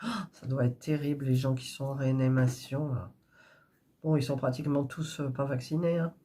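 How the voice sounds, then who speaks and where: A woman's voice: a bass voice, steady tone, moderate pace, dark tone. A woman with a stuffy nose, chatting in a rambling, casual way while preparing embroidery threads. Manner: chatty, rambling, with frequent fillers and restarts. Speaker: cross-stitch crafter vlogger.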